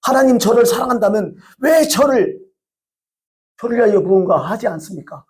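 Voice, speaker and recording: A man's voice: high voice, animated, normal speed, a little mellow, voice pushed up. A man playing a despairing believer railing at God. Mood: pleading. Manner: pleading, bitter complaint.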